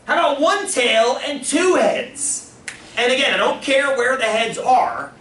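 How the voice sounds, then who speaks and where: A man's voice: very high voice, animated, measured pace, fairly bright tone, slight background noise. A man teaching a classroom, playful, laughing easily and counting results aloud. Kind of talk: classroom lecture. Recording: echoey classroom, mic at a distance.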